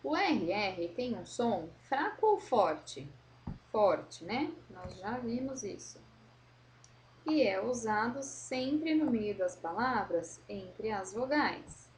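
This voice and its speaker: A woman teacher correcting a worksheet for young pupils, slowly modelling words and explaining patiently. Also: mid-range voice, very animated, a little hiss or hum. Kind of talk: correcting a school worksheet for children.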